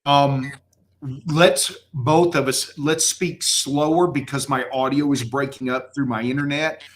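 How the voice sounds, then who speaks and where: A man hosts a casual livestream in a West Texas twang. His speech is a little slurred and his pitch sits in the middle. He talks emphatically and effusively. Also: fairly even intonation, unhurried. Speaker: livestream host and photographer.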